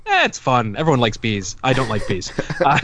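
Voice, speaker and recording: A man in his early thirties co-hosting a podcast, agreeable and quick to joke. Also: medium pitch, wildly swooping pitch, a bit bright, a little hiss or hum. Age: 30s. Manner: agreeable, jokey, quick to riff. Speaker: podcast co-host. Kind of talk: casual podcast chat.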